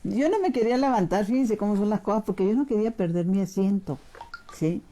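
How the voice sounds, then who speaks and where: A middle-aged woman telling a faith testimony to her listeners, addressing them as brothers and shifting between lively rising emphasis and hushed, near-whispered passages. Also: medium pitch, fairly quick. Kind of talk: testimony sermon.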